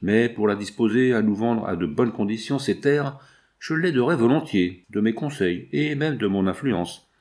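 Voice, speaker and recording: A man's voice: on the low side, lively intonation, moderate pace, darkish tone, natural voice. A man reading the part of a shrewd, scheming male financier in an audiobook, speaking in a persuasive, self-assured way.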